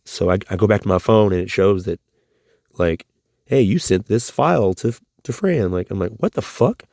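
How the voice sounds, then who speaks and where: A man venting in a rambling, swear-heavy confessional vlog. His voice has a dark, mellow timbre that rises sharply when he is upset. The recording is close and dry. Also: normal speed, gravelly, no room sound. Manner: rambling, profane and agitated; voice climbs high when upset.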